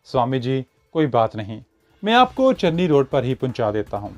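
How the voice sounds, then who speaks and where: A man's voice: mid-range voice, very animated, moderate pace, close to an everyday voice. A man doing a friendly carriage driver. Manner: friendly, easygoing. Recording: dull lo-fi audio with faint music.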